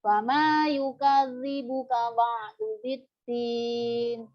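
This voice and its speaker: A woman's voice: fairly high pitch, little pitch movement, very slow, muffled recording, faint music behind. Woman who can't roll her r, with a cold. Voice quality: lisp-like speech defect, cannot roll the r, which comes out soft. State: has a head cold. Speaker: student in a practice teaching class. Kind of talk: Quran recitation and short polite replies.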